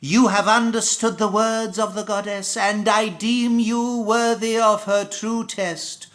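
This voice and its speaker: A man's voice: high voice, little pitch movement, slow, a bit bright, soft background music. A man playing a zealous cult priest in a video game, preaching solemnly in grandiose, archaic phrases. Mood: pleased, grandiose. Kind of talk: theatrical video game acting.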